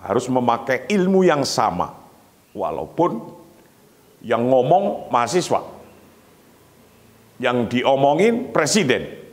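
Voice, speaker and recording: A middle-aged man giving a morning religious lecture, teaching emphatically and reciting Arabic lines slowly before explaining them. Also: medium pitch, sing-song. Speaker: Islamic preacher. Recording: long hall reverb.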